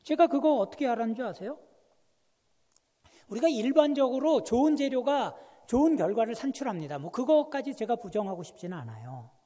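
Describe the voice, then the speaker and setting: Man, guest preacher, high lively husky voice, long hall reverb, sermon storytelling. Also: fairly quick. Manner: animated storytelling, swinging from hushed to loud. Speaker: guest pastor. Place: church sanctuary.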